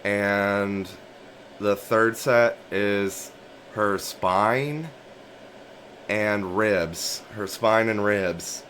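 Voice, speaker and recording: A man casually recounting a dream in a musing, halting way, often repeating and rephrasing his phrases. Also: on the low side, a bit bright, a little hiss or hum. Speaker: narrator of a personal dream journal.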